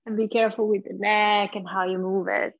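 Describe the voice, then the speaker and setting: A woman yoga teacher guiding a class, giving soft, unhurried breathing cues and gentle movement instructions. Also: mid-range voice, flat delivery, gravelly, highs cut off.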